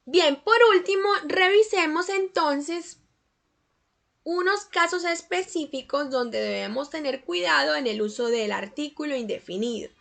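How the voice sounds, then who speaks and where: A woman teaching English grammar in a scripted lesson, slowing down to pronounce English example sentences carefully. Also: high voice, animated, gravelly, fairly bright tone.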